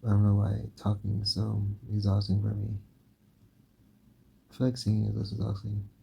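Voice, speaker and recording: A man's voice: on the low side, completely flat delivery, normal speed, gravelly, warm tone, breathy edge. A young man reading fanfiction aloud and chatting between chapters, tired and sore-throated, rambling with lots of fillers. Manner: rambling, full of fillers and restarts. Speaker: fanfiction reader and commentator.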